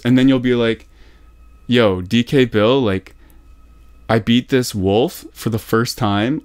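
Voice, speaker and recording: Speaking from a small home room into a desktop condenser mic, this young adult gaming coach has a medium-pitched, slightly mellow voice. His call-style coaching is relaxed and slangy, full of encouragement and repeated emphasis.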